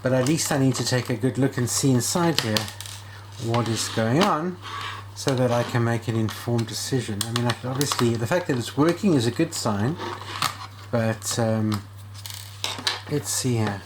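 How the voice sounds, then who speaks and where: A man with a mid-range voice at a moderate pace hosts a repair vlog, an informal radio repair hobbyist thinking aloud during hands-on work. There's clear background noise in the recording.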